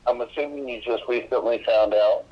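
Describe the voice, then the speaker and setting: A man's voice: medium pitch, fairly quick. A man chatting casually on a lo-fi phone call with a relative, wry and joking. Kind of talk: casual chat.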